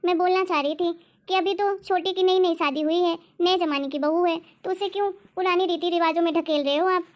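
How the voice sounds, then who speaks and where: Gentle, sympathetic young sister-in-law for a cartoon, high and soft, played by a woman. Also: fairly even intonation, a little fast, highs cut off. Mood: pleading. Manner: soft-spoken, pleading, sympathetic. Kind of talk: cartoon story voice acting.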